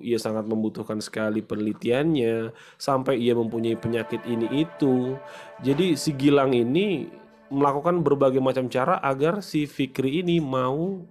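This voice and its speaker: A man hosting a casual channel, retelling an online story in a chatty way with frequent pauses and fillers. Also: medium pitch, a little mellow. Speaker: host.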